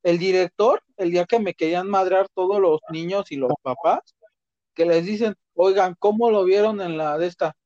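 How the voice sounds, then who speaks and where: A man's voice: high voice, fairly even intonation, normal speed, a little mellow, no echo. A young man with a Mexican accent, telling stories in crude slang in a casual chat. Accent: Mexican Spanish. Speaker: co-host. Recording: dull lo-fi dry recording.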